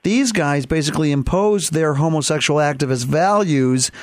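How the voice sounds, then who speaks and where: Halting male talk-show host, dry sound. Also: fairly high pitch, dry recording. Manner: halting, many fillers and restarts.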